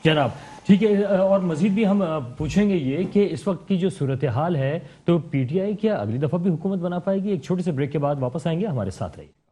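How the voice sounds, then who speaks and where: گرم آواز والا ٹاک شو میزبان مرد. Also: male voice, on the high side, animated, dark tone. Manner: presses guests with pointed questions. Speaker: talk show host. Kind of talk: political talk show hosting.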